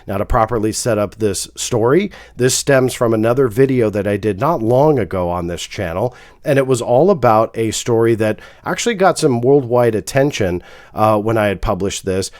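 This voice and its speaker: A man's voice: lowish voice, expressive, normal speed, a little mellow, no room sound, studio quality. A man hosting his own channel, talking frankly with a nasal voice from a cold and lots of "uh" fillers. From California. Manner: frank, apologetic, frequent fillers. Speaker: host. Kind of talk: casual video commentary.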